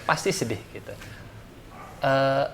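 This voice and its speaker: A man's voice: mid-range voice, slow, vocal fry, fairly bright tone, slight background noise. A man, an ustadz giving a casual religious talk, chatty and full of fillers. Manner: chatty, laughs often, many fillers. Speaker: ustadz speaker.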